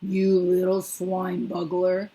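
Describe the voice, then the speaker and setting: A hulking, coarse giant with a slow, booming growl, as a woman reading aloud puts him on. He drags out his words, heavy and menacing, straight out of a read-aloud storybook. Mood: roaring, furious. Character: huge brutish male giant, greedy and coarse.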